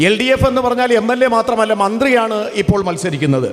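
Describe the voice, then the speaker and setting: A man's voice: sits high, animated, quick pace, big-room sound. A man interpreting a campaign speech for a crowd in a formal, declamatory way with repeated phrasing.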